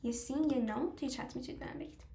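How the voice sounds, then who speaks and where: Female teacher, slightly high voice, patient stepwise explainer who quizzes her class; echoey room. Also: warm tone. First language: Persian. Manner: explains step by step, asks the class questions; slows down to model foreign phrases. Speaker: language teacher. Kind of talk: live online class.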